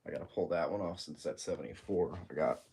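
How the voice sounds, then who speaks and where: Congested from a cold, a young man rambles and jokes his way through a casual livestream in his room, often getting sidetracked. He talks fast in a bass voice that is creaky, husky and a little mellow, with a nasal, stuffy quality.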